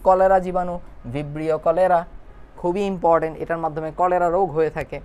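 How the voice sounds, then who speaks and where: A young male teacher giving an online video class. He slows down to sound out long scientific names syllable by syllable and keeps asking his students if they understand. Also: fairly high pitch, fairly even intonation, darkish tone, clear, resonant tone. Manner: spells out hard terms slowly syllable by syllable, often checks understanding. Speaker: biology teacher.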